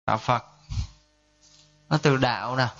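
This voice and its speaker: A Buddhist monk gives a dharma class lecture in a conversational style, frequently asking listeners to confirm they follow. His voice is medium-pitched, measured, and slightly bright, captured on a dull, lo-fi recording.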